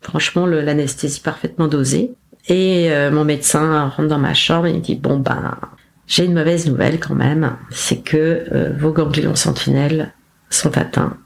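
A woman, a podcast guest, recounting her experience in a casual, animated way, acting out her own lines with self-mocking humour. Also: sits low, moderate pace, gravelly. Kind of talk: casual storytelling interview.

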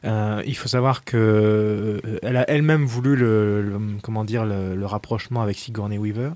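A panelist with a low voice picks his words slowly. The sound is dry and close, with no room echo. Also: fairly even intonation, darkish tone. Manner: hesitant, searching for words. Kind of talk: casual round-table film talk.

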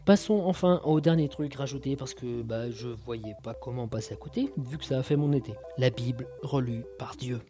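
A man's voice: mid-range voice, normal speed, hardly any pauses, warm tone, faint music behind. A man hosting a podcast, reviewing audio shows in a casual, jokey and sardonic way. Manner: jokey and sardonic, full of quips. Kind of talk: casual chat.

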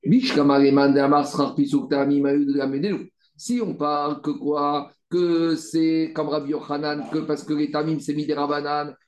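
A man teaching a Talmud study class, animated and repetitive, rallying his students with frequent asides. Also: a little high. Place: study room with students, also streamed on video call. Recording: echoey room.

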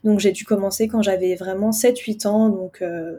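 A young woman in her twenties from France speaks as a guest author in a podcast interview. Her voice is husky and mellow. She answers in a friendly way, with many hesitant fillers. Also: medium pitch, fairly even intonation, moderate pace. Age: 20s.

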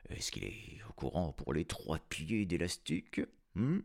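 A blustering, grumpy old king bellows his frustration in a children's storybook, as a man puts him on. The voice is loud and pushed up high when he shouts. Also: huge pitch swings, moderate pace, slightly rough, exaggerated voice. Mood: whispering.

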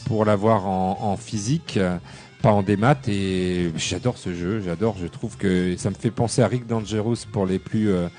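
A man's voice: deep voice, fairly even intonation, normal speed, a little mellow, faint music behind. A man co-hosting a casual gaming podcast, talking in a rambling way with many fillers and restarts. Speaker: podcast co-host.

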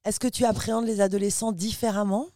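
A woman's voice: medium pitch, fairly even intonation, fast, mellow, dry recording, studio quality. A woman hosting an interview, chatting casually and asking leading questions. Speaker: podcast host.

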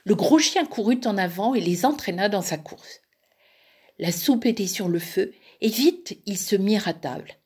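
A woman reading a fairy tale aloud as a museum storyteller, measured and expressive. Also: mid-range voice, breathy edge.

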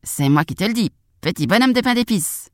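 A man's voice: high voice, expressive, brisk, dry recording, studio quality, pitched above the performer's own voice. A woman voicing a cheeky, boastful little gingerbread man who taunts in a sing-song way. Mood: boastful taunting.

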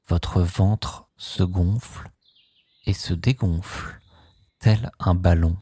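Very slow, deep-voiced man guiding sleep hypnosis. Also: husky, no echo. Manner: slow, soothing, hushed delivery.

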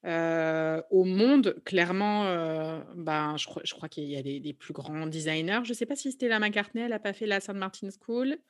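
A woman with a lowish voice hosts a podcast, interviewing a guest in a casual, conversational way. She talks at a normal speed with fairly even intonation and few pauses, feeling her way through her questions.

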